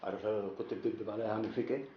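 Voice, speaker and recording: An actor playing a harsh, abusive police officer who threatens people, with an Egyptian accent. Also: male voice, lowish voice, fairly even intonation, very fast, slight background noise, natural voice. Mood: threatening. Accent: Egyptian Arabic. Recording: dull echoey film audio.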